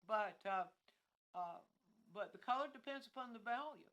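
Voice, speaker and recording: A woman's voice: fairly high pitch, animated, normal speed, fairly bright tone, dull audio. Woman teaching painting, thinking aloud. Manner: thinks aloud with frequent restarts and fillers, self-correcting. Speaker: art instructor. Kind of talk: unscripted livestream art lesson. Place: outdoors with fallen leaves behind her.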